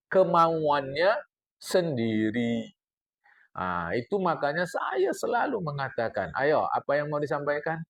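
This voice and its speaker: Older preacher with a gravelly voice. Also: male voice, high voice. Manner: animated lecturing, addresses the congregation, recites Arabic text then explains. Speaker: religious teacher. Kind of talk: mosque study-circle sermon.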